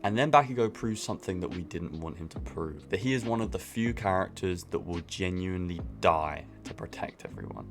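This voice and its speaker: A man's voice: low-pitched, sing-song, fairly quick, vocal fry, hardly any pauses. A man in his twenties narrating a scripted video essay, impassioned and emphatic, swearing for emphasis. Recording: faint music bed under voice.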